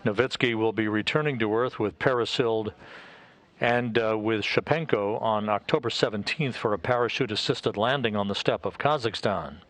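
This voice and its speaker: A man with an American accent giving measured, formal live commentary on a spaceflight as a mission control announcer. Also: on the low side, fairly bright tone.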